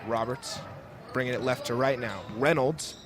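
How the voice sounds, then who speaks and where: A young play-by-play announcer commentates a basketball game live for radio from an indoor school gym. He speaks at a moderate pace with medium pitch. Noise from the courtside setting, including ambience and bouncing balls, is clearly audible.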